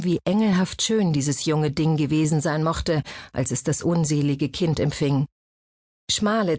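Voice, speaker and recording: A woman reading a historical novel as an audiobook in a measured storytelling manner. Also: low-pitched, darkish tone, no echo, clean studio sound. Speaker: audiobook narrator. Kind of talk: scripted narration.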